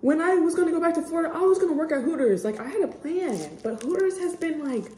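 A young woman in her twenties, a podcast host, chats about personal things in a candid, rambling way full of "like" and "I just," sniffling a little. Her high voice is expressive, mellow and fast, recorded in an echoey room with slight background noise.

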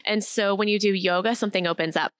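A woman's voice: medium pitch, steady tone, smooth, no room sound. A woman spiritual coach talking casually as a podcast guest, explaining ideas with lists and everyday examples. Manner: warm-paced teaching, lists and examples, quick asides.

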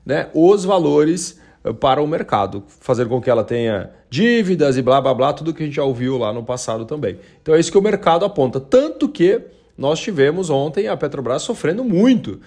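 A man's voice: on the high side, sing-song, fairly quick, a little mellow. A man from Brazil hosting a daily market analysis show, talking in a conversational way with frequent tag questions and colloquial sayings. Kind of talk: casual market news commentary.

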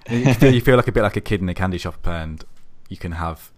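A man hosting an interview, asking questions and sharing views in an unhurried, casual way. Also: sits low, expressive. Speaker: host.

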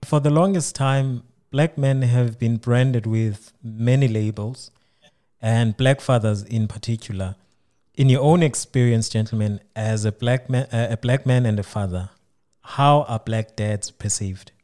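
A man from South Africa hosting a podcast, reading a scripted intro and asking formal, measured interview questions. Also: medium pitch, mellow. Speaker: podcast host.

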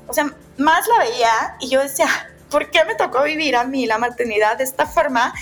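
A woman in her thirties with a Mexican accent, telling her own story in a lively podcast chat and quoting her own thoughts. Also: high-pitched. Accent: Mexican Spanish. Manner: animated, quotes her own thoughts, many fillers. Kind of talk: casual chat.

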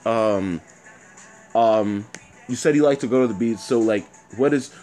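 A man's voice: fairly low pitch, a little slow, mellow, faint music behind, low-quality recording. A man who sounds nasal and congested from being sick, hosting a casual chat show with playful, teasing exaggeration. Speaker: show host.

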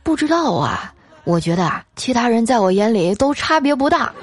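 Calm older husband, voiced by a woman, patient and coaxing, a touch higher. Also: normal speed, some chatter behind, a little hiss or hum.

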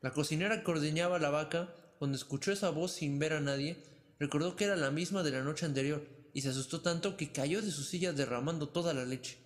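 Guy reading a kids fairy tale, kinda high voice, echo trailing off like a big hall. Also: brisk. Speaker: storyteller. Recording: long hall reverb.

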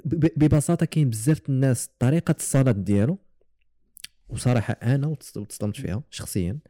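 A man's voice: medium pitch, fast, dark tone. A man with a Moroccan Arabic accent hosting a casual, reflective conversation, repeating words as he searches for phrasing. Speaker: podcast host.

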